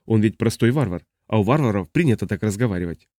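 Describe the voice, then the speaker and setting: A man's voice: on the low side, expressive, quick pace, mellow, no room sound, natural voice. A man voicing a weary, stern human translator living among aliens.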